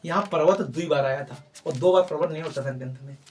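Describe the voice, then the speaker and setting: A man's voice: fairly high pitch, fast talker, darkish tone, distant mic. A male teacher giving a grammar lesson, coaxing his students, repeating his points and quizzing them with questions.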